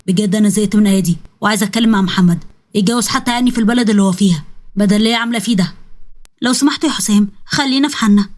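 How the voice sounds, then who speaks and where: A blunt, outspoken Egyptian young wife, as a woman puts her on, lecturing in a quick, fairly high voice in a storybook drama. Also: natural voice. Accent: Egyptian Arabic.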